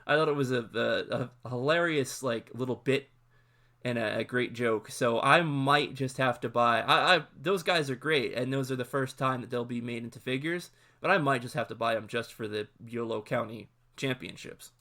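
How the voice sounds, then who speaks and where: A man co-hosting a casual podcast, telling stories excitably and enthusiastically, with quick restarts. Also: medium pitch. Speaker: podcast co-host.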